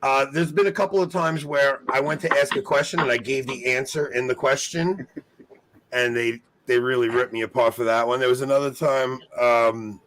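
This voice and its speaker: A man's voice: mid-range voice, fairly even intonation, normal speed, fairly bright tone, a little hiss or hum, poor audio. A man hosting a trivia live stream in casual chat, with a bantering, self-mocking way of talking. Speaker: host of a trivia show.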